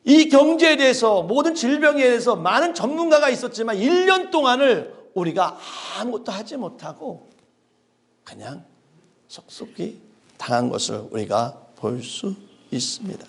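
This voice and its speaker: A middle-aged male pastor preaching a sermon, dramatic and full of rhetorical questions, swinging between loud emphasis and hushed asides. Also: very high voice, sing-song, moderate pace, vocal fry. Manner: asks the congregation rhetorical questions.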